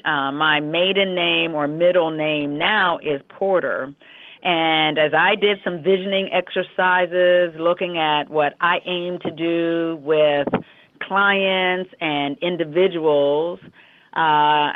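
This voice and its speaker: A woman's voice: on the low side, no echo. An American woman with a slightly froggy voice, talking conversationally as an interview guest. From Western Pennsylvania, United States. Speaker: interview guest, leadership consultant and coach. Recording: dry, tinny phone line.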